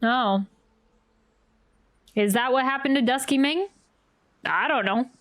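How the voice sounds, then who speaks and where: Playing through a game, a woman streams her reactions in a casual, hesitant think-aloud style. She speaks slowly in a high-pitched voice over soft game music.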